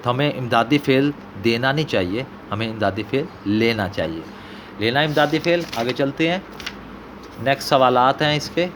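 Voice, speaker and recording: A man with a Pakistani Punjabi accent, an Urdu teacher working through an exam paper and slowly repeating example sentences. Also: medium pitch, lively intonation, background noise.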